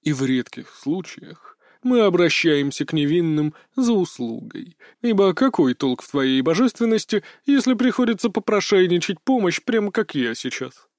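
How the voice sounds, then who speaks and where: Guy doing a big fussy ginger cat, whiny and haughty, raised pitch, dry sound. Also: sing-song, moderate pace, few pauses, no room sound. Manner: sulky, bargaining, whiny. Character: huge haughty ginger talking cat, male. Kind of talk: audiobook character voice.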